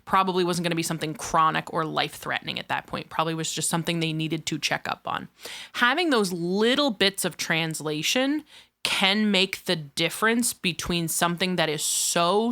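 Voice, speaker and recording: Bright-voiced woman podcast co-host. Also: lowish voice. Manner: chatty, explains through step-by-step examples. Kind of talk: casual explanatory podcast talk.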